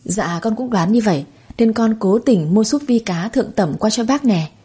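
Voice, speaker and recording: A woman voicing a scheming young woman who flatters in a honeyed, ingratiating way. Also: mid-range voice, moderate pace, husky. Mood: sugary flattering.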